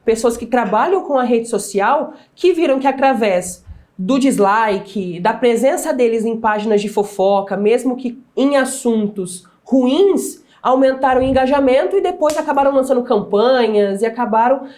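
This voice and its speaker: A woman talk show host with a slightly high voice. She speaks in a measured way and builds long questions for her guest. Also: darkish tone. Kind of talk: studio talk show discussion.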